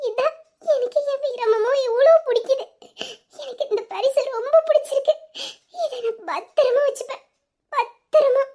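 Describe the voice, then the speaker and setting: A woman plays a shy, loving young bride in a romantic audio drama, with a very high, girlish voice. She talks in a coy, teasing way that slips into tearful, gushing warmth. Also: moderate pace. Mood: tearful joy.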